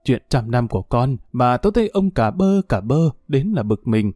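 A man's voice: mid-range voice, big pitch swings, moderate pace, warm tone, dry recording, clean studio sound. Man reading as a fussy scolding old mother. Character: older mother, sharp-tongued and fussy.

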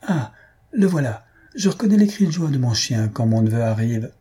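A man's voice: medium pitch, very animated, moderate pace, mellow, husky. A man voicing a fussy elderly aunt who scolds and fusses over her nephew. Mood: fussing scolding. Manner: scolding, fussing.

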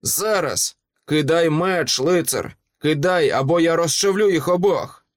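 A man's voice: fairly high pitch, animated, measured pace, a little mellow. A man voicing a cruel, gloating monster that gives menacing commands.

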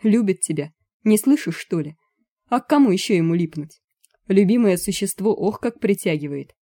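A woman's voice: medium pitch, expressive, moderate pace, warm tone, no room sound, studio quality, natural voice. A woman voicing an ironic, easily flustered man who teases his colleague. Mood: teasing. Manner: mocking, ironic.

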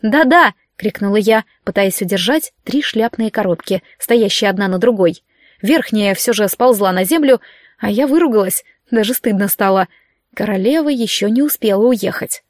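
A woman narrating an audiobook in the first person, lively and lightly ironic, on a close mic. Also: mid-range voice, normal speed, no room sound.

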